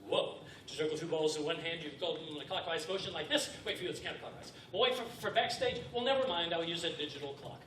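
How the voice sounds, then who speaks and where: A man with a slightly high voice talks fast, with hardly any pauses, during a live stage comedy juggling and magic show. His patter is playful and feignedly befuddled, like a kids party magician's. The audio comes from far off before a live audience and is noisy and echoey.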